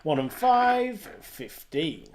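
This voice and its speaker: A bingo caller with a medium-pitched, darkish and very animated voice calls numbers live, taking it slowly. Each number is given digit by digit with a rising tone, then repeated whole with a falling one, in the traditional singsong rhyming-call pattern. There is slight background noise.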